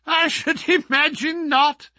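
A man's voice: high voice, big pitch swings, slow pace, pushed and bright, slightly rough, dry recording, pitched above the performer's own voice, exaggerated voice. A man voicing a cruel, mocking male visitor who taunts a sick man. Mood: taunting. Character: sneering, cruel middle-aged male visitor.

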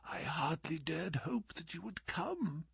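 Brief: man doing a sharp, commanding male detective, bright and husky, raised voice, lively swings in pitch. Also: normal speed, no echo, heavily acted. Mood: feeble. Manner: crisp, urgent and imperious.

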